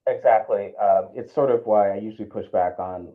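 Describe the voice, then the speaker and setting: A man's voice: on the low side, moderate pace, phone-quality sound. A man from the South, co-hosting a casual podcast chat, arguing a point earnestly with frequent restarts. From American South. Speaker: co-host.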